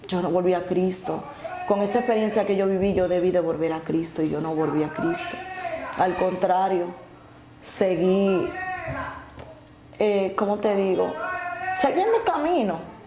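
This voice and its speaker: A woman telling her testimony earnestly, halting and restarting often. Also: on the low side, flat delivery. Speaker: guest sharing her testimony. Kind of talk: emotional personal testimony. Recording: echoey room with faint noise.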